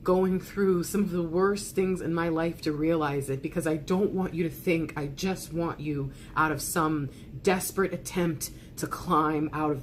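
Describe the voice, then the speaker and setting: A woman giving a soft ASMR tarot love letter reading, speaking intimately and earnestly, with dramatic pauses. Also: deep voice, slight background noise.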